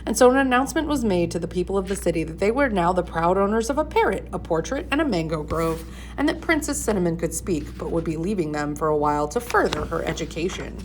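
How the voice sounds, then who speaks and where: A storybook reader, a woman with a lower-leaning voice, gives an expressive read-aloud at a quick pace, with faint room noise behind her.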